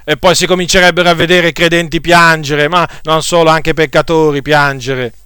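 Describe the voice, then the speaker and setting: A man's voice: fairly high pitch, steady tone, moderate pace, sharp tone, clean tone, no room sound, clean studio sound. A man preaching a sermon, rebuking his listeners with emphatic, repeated phrases.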